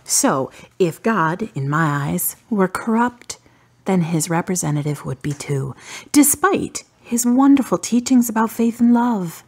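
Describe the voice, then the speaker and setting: In a radio drama, an actress voices a stubborn, guarded, wry daughter, her husky voice moving with deliberate, dry delivery. She sounds expressive and medium-pitched, with a bitter mood.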